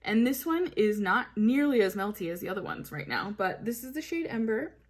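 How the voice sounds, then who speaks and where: Brisk and full of big pitch swings, a woman with a mid-range voice chats her way through a makeup review at home on a hot day. She raves about each product, her speech filled with fillers.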